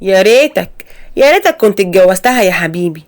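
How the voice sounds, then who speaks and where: A snobbish older mother-in-law from an animated Egyptian story, put on by a woman narrator. She talks quickly and scornfully, with an Egyptian accent and a mid-range voice. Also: mid-range voice, natural voice. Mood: sneering. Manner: scolding, contemptuous.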